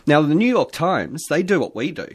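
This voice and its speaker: A man's voice: a little high, fairly quick, breathy edge. A man, an online community moderator, chatting animatedly on a radio panel and telling stories from his work. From Australia. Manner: chatty, animated storyteller who reads posts aloud.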